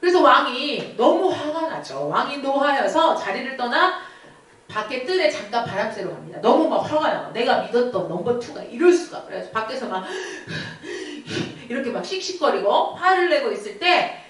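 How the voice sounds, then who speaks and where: A woman preaching to a youth group, retelling a scripture story with lively questions to the students. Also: high voice, normal speed. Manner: animated, asks the listeners questions. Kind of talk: storytelling sermon. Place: church. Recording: echoey church hall from far off.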